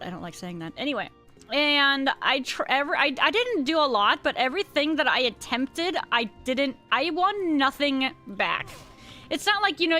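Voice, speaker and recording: A woman's voice: high-pitched, pushed and bright. A woman game streamer chatting casually with her viewers in a rambling, slangy, informal stream of talk. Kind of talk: casual live-stream chat with viewers while gaming.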